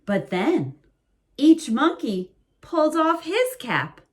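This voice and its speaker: Lady reading a bedtime story real slow, lively up and down voice. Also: high voice. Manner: slow, soothing and expressive. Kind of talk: bedtime picture book reading.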